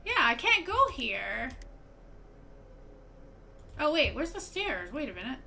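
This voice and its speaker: A woman talks casually through a horror game, getting excitable and cursing when things jump out. Her voice sits fairly high and sounds bright and forceful. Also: slow, creaky, slight background noise. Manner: excitable, jokey, swears when startled. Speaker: gameplay streamer. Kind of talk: casual horror gameplay commentary.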